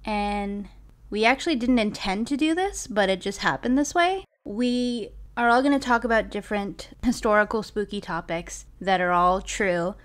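A woman's voice: mid-range voice, normal speed. A young woman from Massachusetts hosting a podcast, chatting casually and reading facts aloud. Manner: chatty, giggly, reads facts from notes. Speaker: podcast host.

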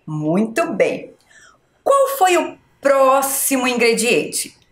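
A woman teacher slowly sounding out syllables and letters for young children in a spelling lesson. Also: high-pitched, big pitch swings. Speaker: schoolteacher. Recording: echoey room.

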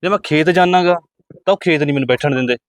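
A man's voice: a little high, fast, heavy background noise, close to an everyday voice. A man playing a poor farmhand grumbling alone. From Punjab. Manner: grumbling monologue, complaining to himself.

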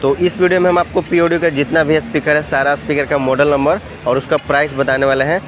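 A man vlogging through an expo hall, listing models and prices in a steady, repetitive way. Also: fairly high pitch, fast. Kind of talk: walkthrough vlog listing prices. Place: busy indoor trade expo hall. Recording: noisy expo hall phone recording.

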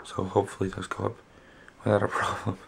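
A man in his twenties with a hoarse, lost voice that breaks into whisper, chatting casually to a vlog camera in a small bedroom. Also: lowish voice, completely flat delivery, quick pace, noisy background. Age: 20s. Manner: weak on-and-off voice dropping to whisper. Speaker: vlogger.

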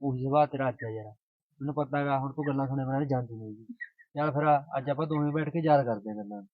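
A man's voice: medium pitch, racing, dry recording, close to an everyday voice. A young man plays a lovesick village lad, mournful and pleading. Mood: grieving. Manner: mournful and pleading, dropping his voice. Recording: tinny phone-like sound.

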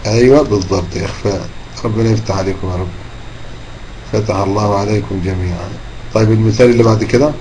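Egyptian Arabic male teacher for an online Quran class, patient and demonstrative, warm low-key timbre. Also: steady tone, slight background noise, poor audio. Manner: patient, drawn-out demonstration of recitation. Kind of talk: online tajweed lesson.

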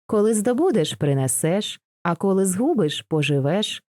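A woman reading the part of an old Cossack father who gives his son homely, steady advice in an audiobook. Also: medium pitch, normal speed, dry recording, clean studio sound, close to an everyday voice. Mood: advising.

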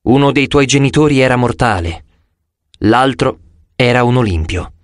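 A man voicing a stern huntress girl who speaks slowly in an archaic way, in an audiobook. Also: mid-range voice, expressive, no echo, clean studio sound, lightly acted. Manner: slow and archaic. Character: stern huntress girl with an old-fashioned accent.

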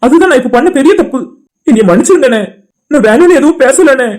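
A performer voicing a heartbroken, guilt-ridden young man in an animated cartoon drama, talking in a tearful, pleading way. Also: sits high, quick pace.

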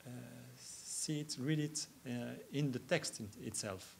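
A man gives an academic answer in a lecture hall, working toward his point through restarts and stammers. His voice sits at an ordinary middle pitch. It is a plain, unhurried, reflective delivery. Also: a little mellow, slight background noise. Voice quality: halting, many restarts and stammers. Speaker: keynote speaker answering questions.

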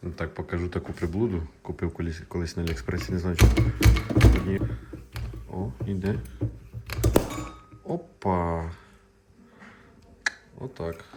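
Recorded with a lot of noise, this man's low voice comes from a vlogger chatting casually to camera at home and later in a kitchen. He's testing a clip-on microphone, counting into it while rambling and thinking aloud.

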